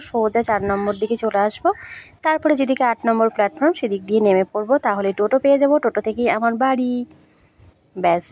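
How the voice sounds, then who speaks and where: A woman's voice: medium pitch, a little mellow, slight background noise. A young woman from West Bengal narrating her travel vlog in a friendly way, talking straight to her viewers, with a sore throat. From West Bengal, India. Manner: friendly, addresses viewers directly. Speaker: vlogger.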